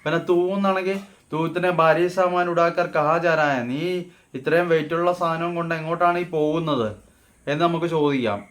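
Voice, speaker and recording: Slowly and carefully, a Hindi teacher pronounces model phrases, then chats through their meaning in Malayalam. The lesson on casual spoken Hindi is relaxed, and his male voice sits a little on the high side.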